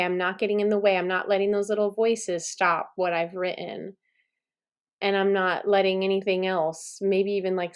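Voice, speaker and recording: A middle-aged woman teaching songwriting in a relaxed, chatty way, encouraging and laughing at herself. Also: medium pitch. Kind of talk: relaxed instructional talk to camera.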